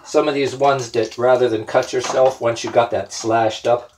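A man's voice: medium pitch, steady tone, moderate pace, a little mellow. A man hosting a home cooking show, talking casually and crudely while he cuts meat in a small kitchen, picked up by a camera on the counter. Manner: crude, joking, talks while chopping. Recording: clattering kitchen noise behind.

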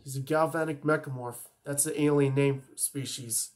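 A man's voice: medium pitch, fairly even intonation, moderate pace. A man chatting casually and enthusiastically as he introduces his voice impressions. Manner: enthusiastic fan talk. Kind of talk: casual chat between impressions.

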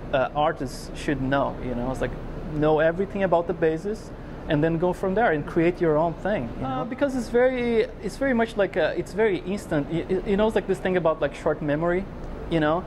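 A man's voice: fairly high pitch, background noise. A man in his forties from Brazil with a Brazilian Portuguese accent, answering interview questions casually in a large glass-walled hall on a lapel mic, rambling with many fillers. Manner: rambling, many fillers like "you know, it's like". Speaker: guest artist.

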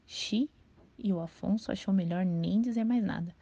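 A woman calmly narrating a children's novel aloud in a storytelling manner. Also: medium pitch, normal speed, vocal fry, dry recording. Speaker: audiobook reader. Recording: dull, dry lo-fi recording.

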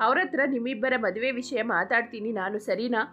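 A woman reading the lines of a gentle older mother in a story, speaking tenderly. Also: fairly high pitch, a little fast, soft background music, lightly acted. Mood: affectionate.

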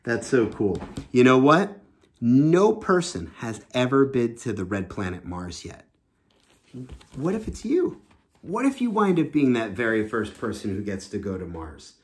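With a mid-range voice that swings widely in pitch, a man in his thirties reads a children's book at a measured pace. As a storytime teacher and host in a small room at home, he explains the story simply and expressively for young listeners.

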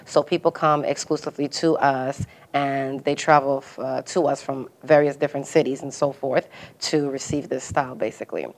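Chatty woman from Congo, deep voice. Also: fairly even intonation, moderate pace. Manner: chatty, many "um"s and "you know"s, laughs easily. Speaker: salon founder, hair stylist. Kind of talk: casual interview answers. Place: studio set with red walls and leather sofa.

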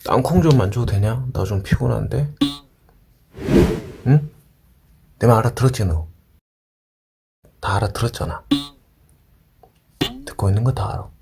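A man's voice: medium pitch, expressive, unhurried, vocal fry, long pauses, a little mellow. A man talking to his pet cat at home in a casual, teasing and playful voice. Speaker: cat owner. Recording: audible background noise.

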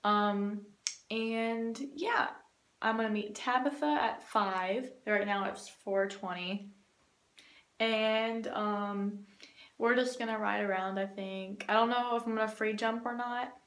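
A woman's voice: medium pitch, fairly even intonation, slow pace, a bit bright, reverberant. A young woman vlogging casually on a handheld phone, chatty and full of fillers like "um" and "like". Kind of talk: casual vlog chat. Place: outdoors and in a barn, later in a car.

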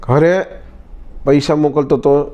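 A man's voice: on the high side, fairly even intonation, slow pace, warm tone, dull audio. A man hosting his own channel, telling a motivational story in a casual, conversational way and often repeating "he said" as he retells the dialogue.

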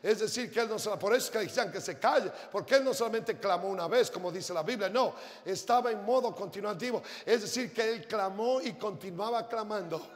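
An older man preaching a sermon as pastor, moving from quiet storytelling to shouted, fervent preaching. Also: sits high, a little fast, few pauses. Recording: reverberant hall with faint crowd and noise.

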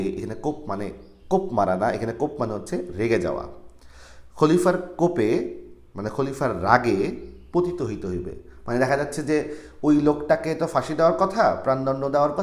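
A male teacher reads old literary phrases aloud and then restates them in plain everyday speech. His pitch moves a lot from line to line. The room around him is echoey. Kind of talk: explaining a textbook story line by line.

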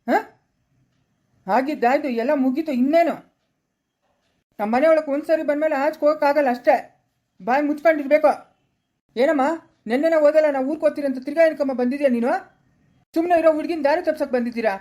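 A woman with a rural Karnataka accent, playing a harsh in-law who scolds loudly in a family drama skit. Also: sits high, fast talker, long pauses, natural voice. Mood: scolding. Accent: rural Karnataka Kannada. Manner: scolding, loud and cutting.

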